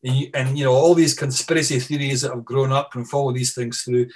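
A man with a Scottish accent gives an online seminar over a video call. His voice sits at an ordinary middle pitch. He talks in a thoughtful, meandering way, restarting sentences and repeating words as he works through his points. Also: flat delivery, brisk, husky. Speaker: guest speaker, professor.

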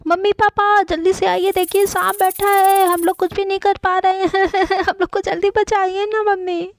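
A woman's voice: very high-pitched, little pitch movement, moderate pace, no echo, voice pushed up. A woman voicing a scared little girl in a doll-play story, crying out and pleading for help. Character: scared little girl calling for her parents.

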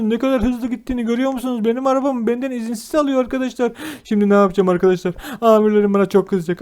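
A young man hosts a game video at a rapid clip, his voice sitting high. He plays a police officer, repeating himself over and over as he pleads and exclaims to his viewers. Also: a little mellow, clean tone. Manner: fast, repetitive, pleading and exclaiming. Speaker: gameplay video host. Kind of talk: roleplaying a police officer while narrating gameplay to viewers.

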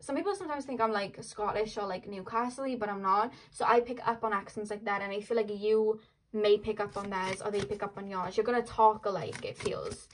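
A young Welsh woman gives a casual tarot reading, rambling along with plenty of fillers and "like." Her voice sits at medium pitch and runs a little fast, and the recording is rough.

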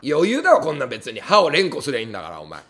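A man comedian reading viewer comments on a livestream and firing back each one with angry comic retorts, often breaking into loud laughs. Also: huge pitch swings, rapid-fire. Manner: bursts into loud high laughs. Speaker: comedian streamer.

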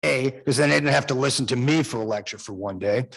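A man's voice: mid-range voice, fast, vocal fry, slightly rough, rough recording. A man in his sixties from Florida giving a speech at a book launch in a museum, chatty and self-deprecating, with joking asides and frequent ums. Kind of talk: public speech with thanks and anecdotes. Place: museum event room.

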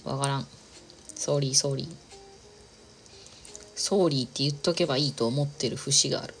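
A woman's voice: rumbling low, normal speed, faint music behind. A woman chatting casually on a livestream while she crafts, rambling from thought to thought, laughing often and reading out viewer comments.

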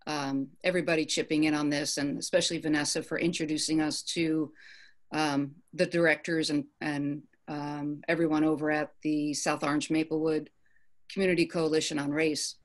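Halting low-voiced woman presenting. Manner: halting, many ums and uhs, informative. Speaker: committee presenter. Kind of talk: virtual office meeting. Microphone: video call.

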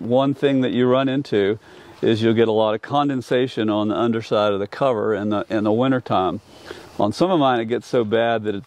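A man's voice: medium pitch, a little mellow. An older man and commercial beekeeper from North Carolina, explaining his methods outdoors in a plain, practical way with frequent restarts, on a lapel mic. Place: outdoors in an apiary.

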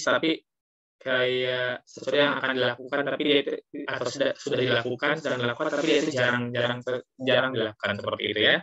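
A man's voice: mid-range voice, bright, forceful tone. A man teaching an English class online, explaining patiently and mixing in English phrases, his voice carrying a heavy echo. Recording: muffled, echoey online class audio.

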